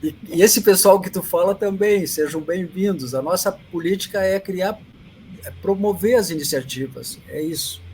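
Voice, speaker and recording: A man with a Brazilian accent and a fairly high voice hosts a casual interview. Faint noise sits behind him. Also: normal speed, a little mellow, rough recording. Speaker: interview host.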